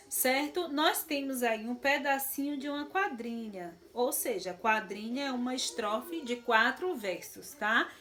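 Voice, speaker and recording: A Brazilian woman teacher walks her pupils through a lesson at an unhurried pace. Her voice sits a little high, and she explains patiently with frequent check-ins. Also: a bit bright. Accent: Brazilian Portuguese. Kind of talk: recorded classroom lesson.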